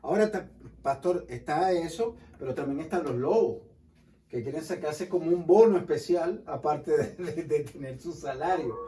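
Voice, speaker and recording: A man's voice: a little high, normal speed, mellow, distant mic. A man co-hosting a religious talk show who prompts the pastor with questions and agrees along. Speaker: co-host. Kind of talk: casual chat on a religious show.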